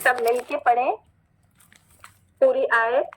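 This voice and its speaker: A woman with a somewhat high voice teaches a Quran recitation class online. She explains patiently, checks in with her students again and again, and stretches each Arabic word out slowly when she recites. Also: fairly even intonation, slight background noise, poor audio. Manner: patient, repetitive, checks in often; slow, drawn-out recitation of Arabic words.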